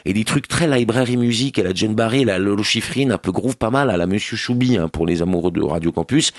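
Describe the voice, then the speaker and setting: Brief: male radio TV critic, scathing and slangy, low voice, dry studio sound. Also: fast talker, dry recording. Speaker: TV critic columnist on a radio morning show. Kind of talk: sarcastic radio review.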